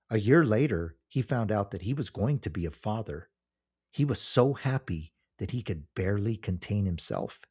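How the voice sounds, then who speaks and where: A man narrating a scripted horror story in a measured, solemn storytelling manner. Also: low voice, mellow, slightly rough.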